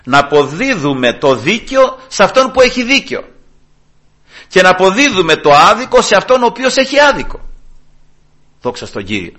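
A man preaching a sermon in church, in an animated, conversational way with frequent asides. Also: high-pitched, pauses often.

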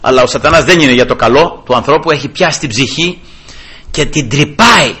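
A man's voice: on the high side, lively intonation, sharp tone, breathy edge. An older man preaching a sermon, telling a personal testimony with passion that climbs to fervent peaks.

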